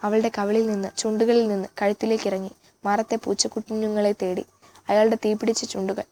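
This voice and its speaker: A woman reading a literary novel aloud in a measured, expressive way. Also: mid-range voice. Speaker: audiobook reader.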